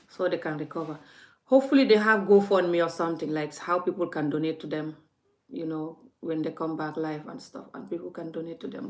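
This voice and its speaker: A vlogger with a fairly low voice gives a heated, forthright rant, scolding as she speaks straight to her viewers. Her room has a noticeable echo.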